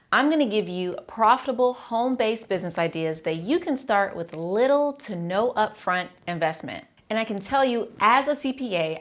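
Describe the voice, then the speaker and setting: A woman accountant hosting her channel, giving an upbeat, direct, scripted explainer and speaking straight to the viewer. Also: mid-range voice.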